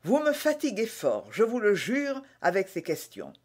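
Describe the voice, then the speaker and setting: A man's voice: high voice, wildly swooping pitch, measured pace, voice pushed up, full character voice. A man with a French accent voicing an anxious, secretive young woman in an audiobook, pleading and urgent. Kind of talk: audiobook reading.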